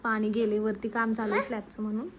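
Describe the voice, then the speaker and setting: A woman's voice: mid-range voice, level tone, fast, very noisy. A young woman with a Marathi accent filming a home vlog, coaxing and scolding her small children and chatting to viewers. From Maharashtra, India. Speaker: home vlogger and mother. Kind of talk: casual home vlog with kids. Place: home kitchen.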